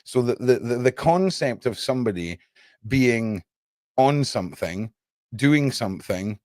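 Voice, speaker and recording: A man hosting a casual live discussion, explaining his points haltingly with repeated words. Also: mid-range voice, expressive, a little mellow, dry recording, studio quality.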